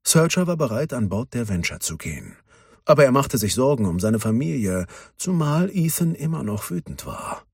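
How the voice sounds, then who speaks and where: A man reading a children's story aloud as narrator, in an expressive way. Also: mid-range voice, moderate pace, gravelly, husky, no room sound, clean studio sound.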